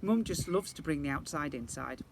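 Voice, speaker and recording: Speaking at normal speed with a creaky, slightly high voice and lively intonation, a man reads a children's storybook to young listeners as an infant school teacher would, full of expression. Faint background noise is audible.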